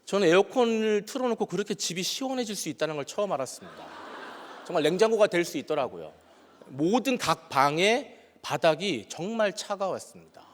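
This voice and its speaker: A male pastor preaching a sermon, telling a personal story and acting out his own past dialogue. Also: on the high side. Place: church sanctuary. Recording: long church hall reverb.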